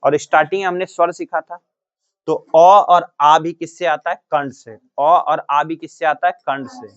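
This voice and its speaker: Guy teaching a class real slow, bit high voice, keeps asking the same thing over and over, muffled lo-fi sound. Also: steady tone. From Bihar, India. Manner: drills students with repeated questions and answers. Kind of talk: classroom grammar lesson. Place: coaching classroom.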